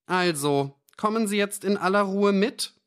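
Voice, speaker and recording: A man's voice: on the high side, sing-song, normal speed, a bit bright, pitched above the performer's own voice. A man doing a big, stern policeman.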